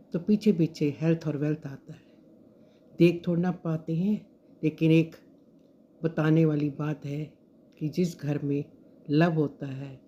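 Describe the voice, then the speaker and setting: Dark-voiced woman telling a moral story. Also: deep voice. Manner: gentle, measured storytelling. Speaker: storyteller and speaker. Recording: dull lo-fi recording.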